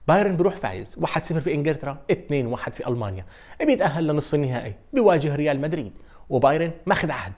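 A man with a Levantine Arabic accent hosting a football countdown video, telling the stories in a fast, animated way with frequent fillers. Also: fairly high pitch. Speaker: sports video host. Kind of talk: energetic football countdown commentary.

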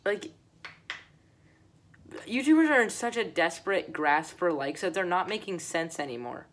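A woman's voice: lowish voice, expressive, moderate pace, slight background noise. A woman giving casual reaction commentary, ranting sarcastically and saying "like" constantly. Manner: sarcastic ranting, heavy use of "like". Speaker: reaction video creator.

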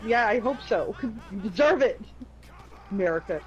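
A woman's voice: mid-range voice, expressive, normal speed, darkish tone, lo-fi sound. A young woman from Canada chatting casually while playing a game, laughing often, teasing and swearing freely. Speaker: gamer. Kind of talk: casual gameplay chat.

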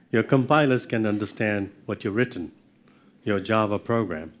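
A middle-aged man giving a university lecture, explaining step by step and putting questions to his audience in a lecture room. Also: lowish voice.

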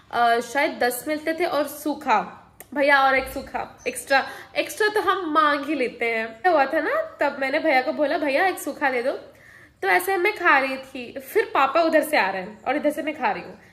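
Chatty high-voiced young woman. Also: fairly bright tone, low-quality recording. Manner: chatty, mixes Hindi and English, jumps between topics. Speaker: vlogger. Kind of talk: casual storytelling vlog.

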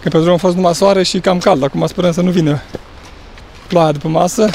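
High-voiced man chatting on a hike. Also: vocal fry, a little hiss or hum, low-quality recording. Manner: relaxed, chatty, talks while hiking. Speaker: vlogger. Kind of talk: casual hiking chat. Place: outdoors on a forest mountain trail.

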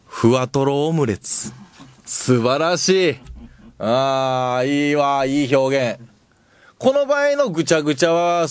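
A man with a Kansai accent hosts a comedy radio show, his pitch leaping and dipping widely as he reads listener submissions. He shoots back quick-witted, laughing retorts. The studio sound is dry and close to the mic. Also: no echo. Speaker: radio host.

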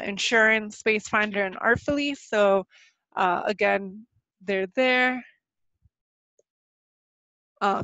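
A woman's voice: on the high side, fairly bright tone, dry recording. Nervous woman hosting a webinar. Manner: nervous, halting, many fillers and restarts. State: slightly sick voice. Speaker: webinar presenter. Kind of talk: live webinar presentation with Q&A. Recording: dull, lo-fi dry webinar audio.

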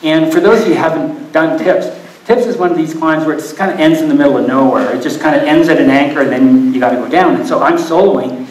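A man's voice: on the high side, fast talker. An older man giving a live slideshow talk, rambling and self-deprecating, often laughing through his stories. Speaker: presenter at a climbing event. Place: event hall with live audience. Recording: echoey hall audio from far off.

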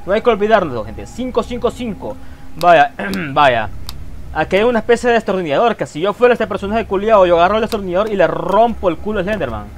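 High-voiced excitable man playing a horror game. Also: fairly quick, a little hiss or hum. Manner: excitable, swears freely, talks to viewers. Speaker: gaming YouTuber. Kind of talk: let's play commentary.

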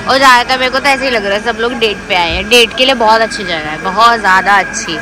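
A woman's voice: fairly high pitch, fast, noisy background. A woman vlogging at a park cafe, chatting casually with friends and viewers and laughing often, with a Delhi Hindi accent. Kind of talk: casual vlog chat.

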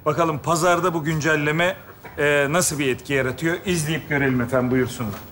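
A man presenting the next comedy sketch on stage in a measured way, with small hesitations. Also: fairly high pitch, fairly even intonation, background noise. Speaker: show presenter introducing a sketch. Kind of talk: stage introduction.

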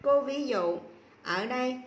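A woman teacher giving a slow, patient spelling lesson to young children, repeating each sound clearly. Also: high voice, animated, reverberant, lo-fi sound. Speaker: primary school teacher.

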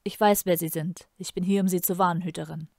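Woman voicing a young male warrior, desperate, pleading, loud cries, dry audiobook sound. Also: on the low side, steady tone, quick pace, no room sound. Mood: earnest. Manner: urgent, pleading, cries out in anguish.

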